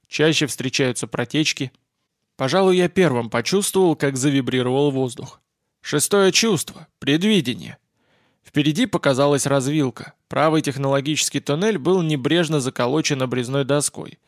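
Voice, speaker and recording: A man's voice: fairly high pitch, normal speed, dry recording. Man reading a dry first-person audiobook. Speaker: audiobook reader.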